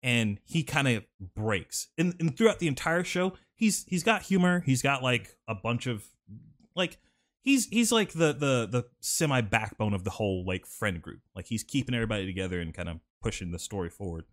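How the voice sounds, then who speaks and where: A man's voice: mid-range voice, lively intonation, normal speed. A young man talking casually on a podcast, drifting through a long story with plenty of fillers and restarts. His studio mic is turned slightly off-axis. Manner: rambling storyteller, lots of "like" fillers. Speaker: podcast host. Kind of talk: casual chat.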